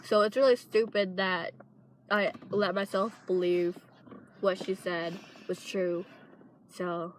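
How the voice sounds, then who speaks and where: A woman's voice: mid-range voice, fairly even intonation, slow, a little hiss or hum. A young woman telling a casual storytime vlog, rambling and full of fillers. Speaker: vlogger.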